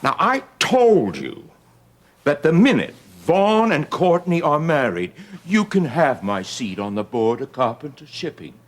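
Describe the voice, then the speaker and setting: A man's voice: a little high, big pitch swings, a little slow. An actor playing a stern middle-aged father who heads a shipping firm, speaking in a commanding, scolding way. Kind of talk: soap opera acting.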